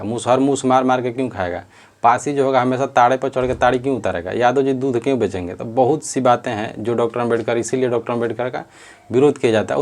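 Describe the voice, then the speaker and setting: Male commentator, mid-pitched, earnest, repetitive, off the cuff. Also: a little mellow. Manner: earnest, repetitive, frequent restarts. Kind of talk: casual spoken commentary.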